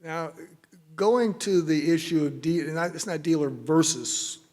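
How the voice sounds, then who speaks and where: Higher-voiced man moderating a panel. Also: darkish tone. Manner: halting, questioning, many fillers. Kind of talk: panel discussion.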